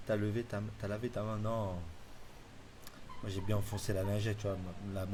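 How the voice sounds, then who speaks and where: A man live streaming in casual chat, loud and teasing with plenty of swearing banter. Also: lowish voice, little pitch movement, brisk, a little hiss or hum.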